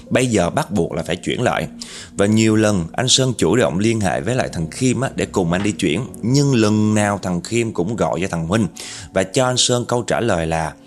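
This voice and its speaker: A man with a Southern Vietnamese accent narrating a true story conversationally, often addressing his listeners directly. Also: lowish voice.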